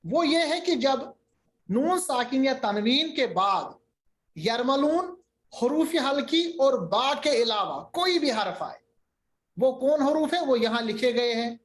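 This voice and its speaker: A man teaching a Quran recitation lesson over a video call, patiently repeating terms and drawing out his recited examples slowly. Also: very high-pitched, big pitch swings. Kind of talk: online tajweed lesson.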